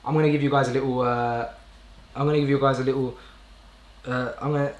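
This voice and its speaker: In a roomy indoor echo, a young British man hosts a casual live stream, rambling informally and often correcting himself. He talks fast at a medium pitch with little pitch movement.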